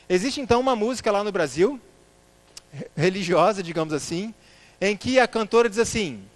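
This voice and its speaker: A man giving a church lecture, putting rhetorical questions to the congregation and calling them brothers. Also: sits high. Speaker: church speaker.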